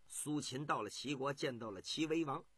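A man telling a traditional story on radio in a lively, colloquial way, with asides to the listeners. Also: mid-range voice, moderate pace, breathy edge, dry recording. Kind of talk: pingshu storytelling. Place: radio studio.

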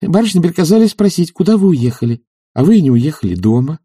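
A man voicing an eager young housemaid in a raised, quick voice, for an audiobook. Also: a little high, big pitch swings, mellow, breathy edge, dry recording, clean studio sound, voice pushed up.

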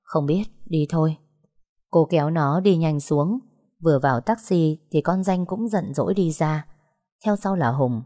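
A woman with a low voice narrates a dramatic story. She speaks conversationally and turns to her listeners directly now and then. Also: normal speed, dark tone.

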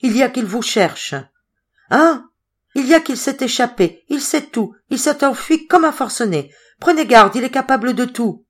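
A woman's voice: expressive, moderate pace, hardly any pauses, close to an everyday voice. A woman reading a storybook voices a frantic young woman messenger who arrives out of breath and urgent. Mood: panicked. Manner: gasping, urgent, shrill.

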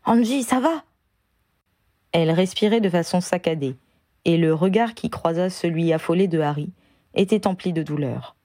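Female audiobook narrator, measured and even, low pitched, warm dry tone. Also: dry recording. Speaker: audiobook reader. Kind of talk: storybook narration.

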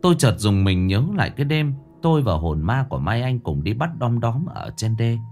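A man narrating a ghost story in a dramatic, expressive reading. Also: medium pitch, brisk, soft background music.

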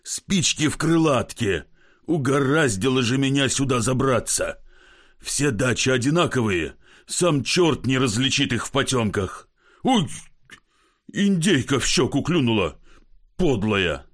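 A man voicing a drunk middle-aged gentleman who coaxes and curses, fussy and blustering. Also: mid-range voice, big pitch swings, measured pace, pitched above the performer's own voice. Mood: flustered. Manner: coaxing, then cursing in frustration.

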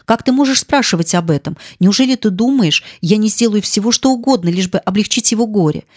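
A woman voicing an excitable young gentlewoman, a baronet's daughter, in an audiobook, speaking quickly and eagerly. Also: medium pitch, no room sound, studio quality, pitched above the performer's own voice, lightly acted. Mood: passionate.

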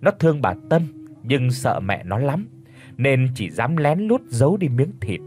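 A man reading a dramatic story aloud as an audiobook narrator, expressive throughout. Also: mid-range voice, unhurried.

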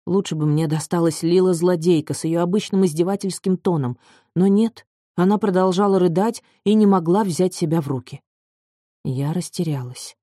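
Woman audiobook reader, low mellow voice, measured delivery, dry close sound. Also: dry recording. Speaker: audiobook narrator. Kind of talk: scripted narration.

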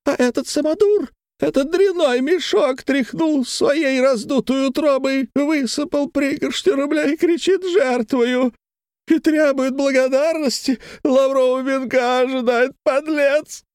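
Мужчина озвучивает бледного, пьяного, пылко возмущённого молодого человека в аудиокниге. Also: male voice, very high voice, steady tone, measured pace, a little mellow, dry recording, clean studio sound, voice pushed up. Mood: indignant tirade. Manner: impassioned, declamatory, outraged. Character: pale, drunk, indignant young man.

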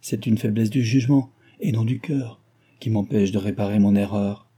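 A man's voice: on the low side, fairly even intonation, normal speed, warm tone, husky. A man reading aloud, voicing an earnest young woman who pleads her case in an old novel. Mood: distressed.

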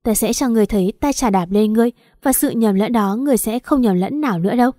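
A woman's voice: on the high side, fast, mellow, no echo, studio quality, lightly acted. A woman voicing a domineering, contemptuous male king in an audio story, speaking in cold commands. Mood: cold contempt.

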